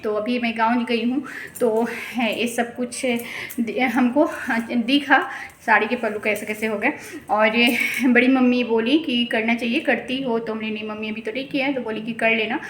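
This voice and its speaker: A woman vlogger talking quickly and casually to the camera in a small indoor prayer room, trailing off with fillers. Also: fairly high pitch, fairly even intonation, reverberant, slight background noise. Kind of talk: casual vlog talk to camera.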